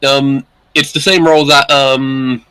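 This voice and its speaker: Man, bright forceful voice, casual podcast chat, dry sound. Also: medium pitch, little pitch movement, clean tone, no room sound, poor audio. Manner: explanatory, measured. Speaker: podcast co-host.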